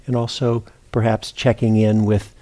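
A meditation teacher leads a guided meditation in a low, mellow voice. His delivery is flat yet gentle and unhurried, with long pauses.

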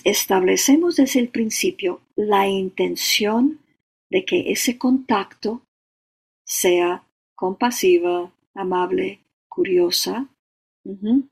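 A meditation teacher giving a dharma talk and leading a guided meditation, slow and halting, often checking in with short tag questions. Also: medium pitch, creaky, husky. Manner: slow, halting, with frequent "¿no?" and "o sea".

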